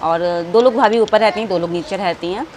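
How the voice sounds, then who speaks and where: A woman's voice: medium pitch, fairly quick, crowd noise. An adult woman chatting affectionately to her viewers in a casual home vlog. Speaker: family vlogger. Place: family home indoors. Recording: noisy home background.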